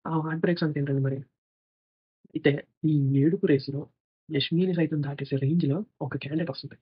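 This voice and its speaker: A man rattles off sarcastic, opinionated reality-show commentary at a rapid clip. His voice sits a little high and sounds husky, and the recording is dry and a bit muffled. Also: steady tone, dry recording. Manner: opinionated, sarcastic, fast-talking. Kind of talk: casual video commentary.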